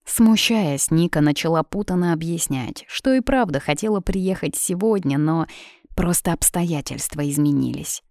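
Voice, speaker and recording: Woman narrator, low-pitched, dry close audiobook read, steady. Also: moderate pace, no echo.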